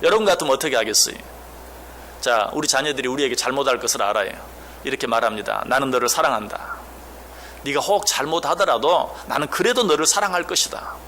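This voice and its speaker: A man's voice: mid-range voice, expressive, fast talker, pushed and bright, a little hiss or hum. A man preaching a sermon as a pastor, questioning the congregation and acting out quoted speech. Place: church.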